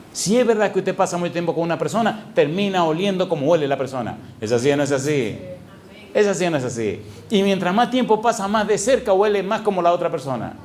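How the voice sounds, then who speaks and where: A man's voice: a little high, a little mellow, slight background noise. A middle-aged man preaching a sermon as a pastor, asking the congregation question after question and playing with sound words.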